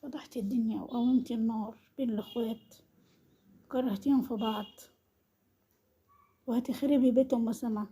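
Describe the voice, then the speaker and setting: A woman with an Egyptian Arabic accent delivers a reproachful vlog monologue and hammers the same accusing questions again and again. Her voice sits somewhat high but sounds mellow and warm, with a husky, breathy edge. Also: steady tone, brisk, long pauses. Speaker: vlogger commenting on an online family feud. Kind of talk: scolding monologue.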